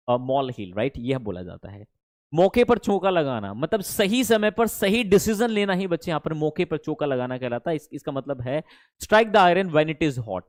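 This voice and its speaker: A man's voice: a little high, no room sound. A man with an Indian accent teaching a spoken English lesson online, coaxing his students and often checking that they follow. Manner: animated, coaxing, repeats "ठीक है ना?".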